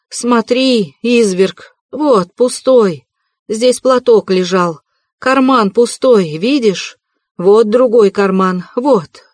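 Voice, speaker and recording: Woman doing a hoarse, shrill, desperate widow. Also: no echo. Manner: frantic pleading shouts. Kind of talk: audiobook reading.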